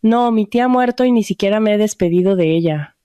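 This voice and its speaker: A woman voicing a gentle, grieving young woman in a storybook reading, speaking softly. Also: medium pitch, fast talker, clean tone, no room sound, close to an everyday voice. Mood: sad. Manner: soft, tearful.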